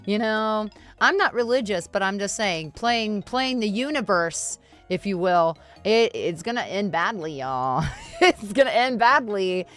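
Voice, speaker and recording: Slow-paced woman streamer, casually reacting. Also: mid-range voice, expressive, a bit bright, soft background music. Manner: drawn-out amused exclamations, informal slangy talk. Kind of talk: casual livestream reaction commentary.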